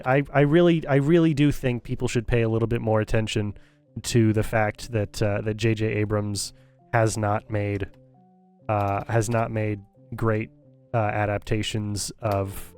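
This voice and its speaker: A man's voice: on the low side, flat delivery, moderate pace, a little mellow, smooth. A man delivers a critical, opinionated rant in the loose style of a live stream. He repeats and restarts phrases as he thinks aloud. Faint background music plays behind his voice. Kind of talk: casual livestream commentary.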